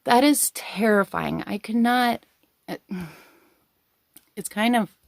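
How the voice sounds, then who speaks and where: A woman's voice: fairly high pitch, slow pace, creaky, no echo, studio quality. A woman hosting a casual storytelling video, giggly and rambling as she talks to her viewers. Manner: giggly, breaking into laughter while talking.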